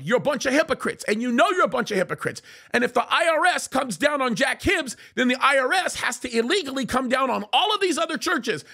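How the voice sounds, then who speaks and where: An American pastor commentator in his forties sits in a leather chair in a small, dark studio, speaking into a boom-mounted mic in front of him. His very high voice is gravelly, bright, forceful and slightly rough. In fiery, indignant commentary, he reads quotes aloud and emphatically rebuts them.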